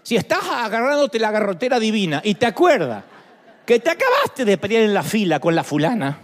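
Animated preacher with a high, lively voice. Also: male voice, brisk. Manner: animated, joking storyteller. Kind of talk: sermon.

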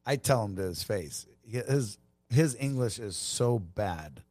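A man's voice: lowish voice, lively intonation, unhurried, a little mellow, dry recording, studio quality. A man from Long Beach, California, chatting as a podcast guest, laughing and restarting as he tells stories. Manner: laughing, loose storytelling with restarts. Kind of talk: casual chat.

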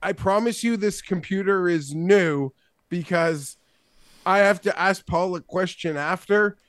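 A man's voice: high voice, a little slow, a bit bright, smooth, no echo. A man co-hosting a casual podcast chat, rambling and a little defensive. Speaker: co-host.

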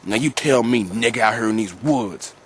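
A man telling a story outdoors in the woods in a low, hushed, matter-of-fact way. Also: moderate pace, husky. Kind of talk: confessional monologue.

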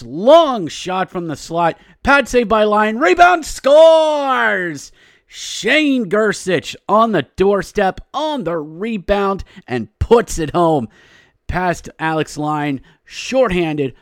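A man hosting a sports podcast calls rapid hockey play-by-play, excited and in punchy clipped phrases that build toward goal calls. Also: high-pitched, no room sound, studio quality.

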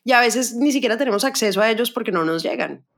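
A woman's voice: a little high, animated, fast. A woman with a Colombian accent hosting a podcast, chatting casually and telling stories with lots of fillers. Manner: chatty storyteller with many fillers and repetitions. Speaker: podcast host. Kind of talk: casual conversation about books.

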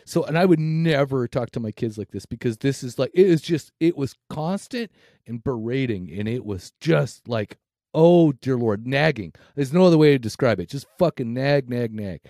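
A man co-hosting a podcast, telling stories in a casual chat full of swearing and animated retellings. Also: mid-range voice, moderate pace, no echo, studio quality. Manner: swears constantly, animated storytelling. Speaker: podcast co-host.

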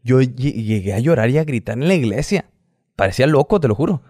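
A man's voice: medium pitch, animated, fast, warm tone, dry recording, clean studio sound. A Mexican man, a podcast guest, talking casually and rambling, often losing his thread. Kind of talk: casual chat.

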